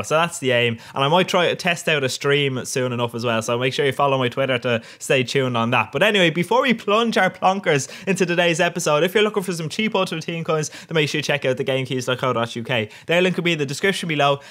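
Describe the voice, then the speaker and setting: A man's voice: fairly high pitch, fairly bright tone. A young man giving cheeky, crude gameplay commentary, often laughing at his own jokes. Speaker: gaming YouTuber.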